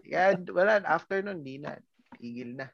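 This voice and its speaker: A man with a gravelly, creaky voice chats as a podcast guest. His pitch moves around a lot as he tells stories. The sound is dry and close. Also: expressive, moderate pace, dry recording, highs cut off. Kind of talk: casual storytelling.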